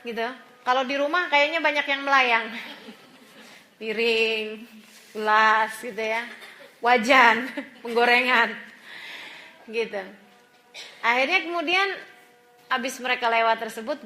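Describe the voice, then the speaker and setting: A woman preacher with a high, bright voice gives a sermon to a women's gathering. She tells stories with lively asides and often laughs as she acts out the people in them. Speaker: religious teacher.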